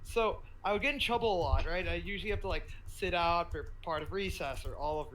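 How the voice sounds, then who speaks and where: A teenage boy with a notably high voice co-hosts a casual podcast. He tells a story in loose, stop-and-start fashion, often laughing as he goes. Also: brisk, noisy background. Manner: rambling, self-interrupting storytelling with frequent laughs. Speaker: podcast co-host. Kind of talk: casual chat.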